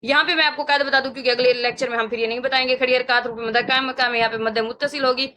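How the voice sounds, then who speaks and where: A woman teaching Quran recitation rules, explaining patiently and repeating sounds slowly for learners to copy. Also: high-pitched, steady tone, bright, forceful tone. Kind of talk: tajweed lesson, step-by-step explanation.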